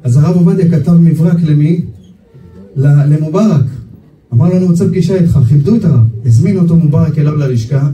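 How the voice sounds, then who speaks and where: A man, a rabbi, telling stories in a sermon, animated and acting out the people he quotes. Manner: animated storytelling, acting out quoted voices with sharp pitch swings. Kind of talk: storytelling sermon. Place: memorial gathering hall. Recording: echoey hall, voice from far off, faint background noise.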